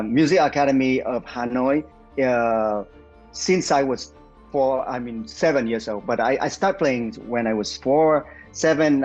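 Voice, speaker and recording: A man's voice: mid-range voice, darkish tone, muffled recording. A man in his forties from Vietnam with a Vietnamese accent, a nonprofit founder answering interview questions with many fillers and restarts.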